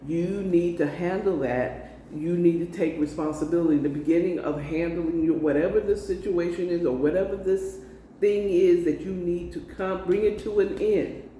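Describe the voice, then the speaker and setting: This is a woman from the United States with a fairly low pitch and dark tone, speaking at a moderate pace as a tarot reader. Her casual card reading is full of emphatic coaxing, repetition, and frequent check-ins. The recording sounds roomy and far from the mic, with slight noise.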